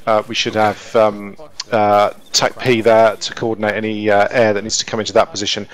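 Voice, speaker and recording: A man's voice: on the low side, flat delivery, fairly quick. A man running a military-style briefing over game voice chat, orderly and directive. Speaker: player acting as military briefing leader.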